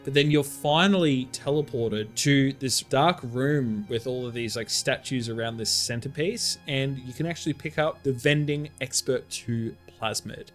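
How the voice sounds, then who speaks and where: Male co-host, excitable rambler who laughs a lot, mid-pitched, faint music underneath. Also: normal speed, hardly any pauses. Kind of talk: casual gaming chat.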